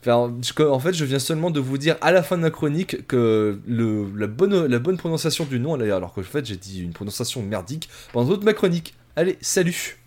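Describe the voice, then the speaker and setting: A man's voice: medium pitch, lively intonation, fairly quick, few pauses, a little mellow. Rambling self-mocking male podcast host. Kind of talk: casual podcast music review.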